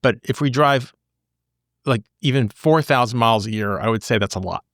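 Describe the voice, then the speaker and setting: Animated male podcast host. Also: mid-range voice, moderate pace, dry recording, clean studio sound. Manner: animated, repeats phrases for emphasis. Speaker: podcast host, divorce attorney. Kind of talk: casual podcast monologue.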